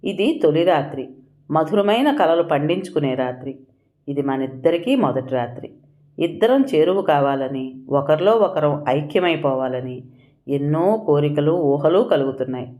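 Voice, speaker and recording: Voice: medium pitch, lively intonation, unhurried, warm tone, close to an everyday voice. A narrator voicing a young groom on his wedding night who coaxes, soothes and grows puzzled, in a storybook reading. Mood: coaxing. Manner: coaxing, soothing. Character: young groom, eager then bewildered.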